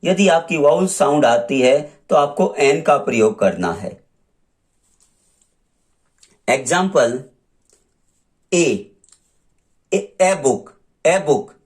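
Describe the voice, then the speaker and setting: Male tutor, unhurried and deliberate, drilling examples one at a time in a lesson. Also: fairly high pitch, expressive. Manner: slow, repeats examples and sounds them out. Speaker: English grammar teacher. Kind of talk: classroom lesson explaining articles.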